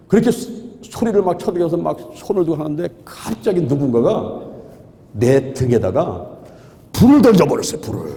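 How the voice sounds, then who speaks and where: A man in his sixties preaching, telling his story with lively, exclamatory repeats. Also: high-pitched. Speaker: pastor. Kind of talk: sermon testimony. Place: large hall at a prayer retreat. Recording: echoey hall with long reverb.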